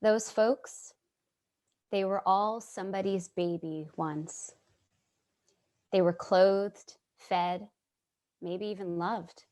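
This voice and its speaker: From home on a video call, a woman performs a dramatic monologue in a staged play reading, playing a compassionate, casually dressed, middle-aged Manhattanite born and bred. Her natural, darkish, medium-pitched voice stays fairly even as she narrates slowly, in a somber, reflective, storytelling manner.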